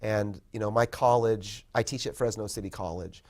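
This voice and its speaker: A man in his fifties, a poet and professor, talking in a casual interview, thoughtful and modest, pausing often with ums and restarts. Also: fairly low pitch, fairly even intonation, a little mellow. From born in Korea, raised in California. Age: 50s. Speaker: poet and college professor, guest.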